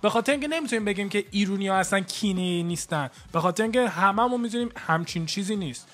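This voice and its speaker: A man's voice: high voice, expressive. A man with an American-tinged accent hosting a call-in radio show and bantering with callers. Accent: American-tinged Persian. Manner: jokey, loud greetings, banters with callers. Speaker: radio host.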